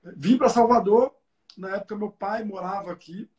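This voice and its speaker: A man's voice: high-pitched, moderate pace, a little mellow, muffled recording. A young man, talking casually as an interview guest, with many fillers and repeated words. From Rio de Janeiro, Brazil. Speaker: guest, environmental engineer.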